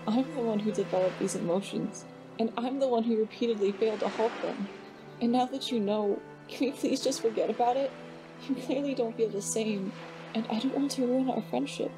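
A woman voicing a shy, self-blaming teenage cat girl who speaks in a hushed, trembling way. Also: a little high, a little fast, music in the background, voice pushed up, natural voice, poor audio. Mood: ashamed. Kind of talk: fan fiction reading.

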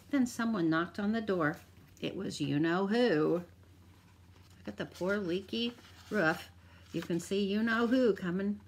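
A woman teacher reading a picture book aloud to children, expressive, with drawn-out emphasis and asides to her listeners. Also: medium pitch.

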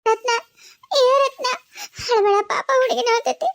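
A woman's voice: extremely high pitch, sing-song, normal speed. A woman with a North Karnataka Kannada accent voicing all the characters of a cartoon family drama in a tearful, pleading way. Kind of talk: emotional cartoon voice acting.

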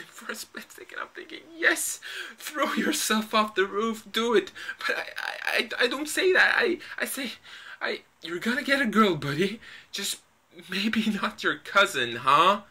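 A man's voice: high-pitched, expressive, unhurried, sharp tone, husky, full character voice. A young man from Norway with a Norwegian accent performs a stage monologue as a panicky young man, stammering and repeating words as he confesses in a rush. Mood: frantic. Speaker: acting student. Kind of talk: theatre monologue audition.

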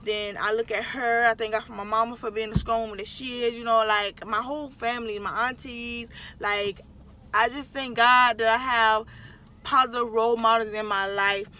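A woman vlogger talking heartfelt to the camera, effusive and excitable, repeating herself and speeding up in bursts. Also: a little high. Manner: quick bursts of speech.

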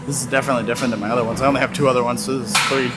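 A man's voice: mid-range voice, steady tone, rapid-fire, heavy background noise. Rambling young man in a gym. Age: 20s. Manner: laid-back, rambling, laughs often. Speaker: fitness vlogger. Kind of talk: casual walk-and-talk vlog. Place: large indoor gym. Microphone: phone camera on a tripod nearby. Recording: gym music playing loudly behind. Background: music playing in the gym.

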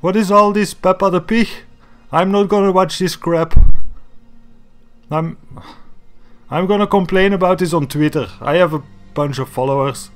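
A man's voice: high voice, normal speed, pauses often, soft background music. A man YouTuber in an exasperated, sarcastic comedic rant, swearing often.

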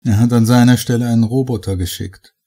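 A man voicing a worried servant in a horror audiobook, speaking hushed and urgent. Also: mid-range voice, fairly even intonation, fairly quick, husky. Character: nervous male servant in a death mask. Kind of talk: audiobook character voice.

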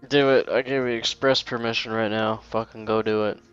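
A man with a fairly low voice chats through his gameplay in a loose, meandering way. He swears constantly and makes fun of himself. Soft game music plays quietly behind him. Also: fairly even intonation, fairly quick, clear, resonant tone, lo-fi sound. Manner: rambling, swears a lot, self-mocking. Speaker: let's play gamer. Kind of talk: casual gaming commentary.

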